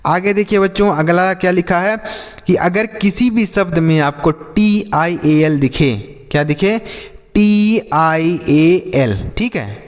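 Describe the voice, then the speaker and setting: Male phonics teacher, slightly high voice, patient drilling, long echo. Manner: patient, repeats questions and answers to drill pupils. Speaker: English teacher. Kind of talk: classroom-style phonics lesson. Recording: long hall reverb.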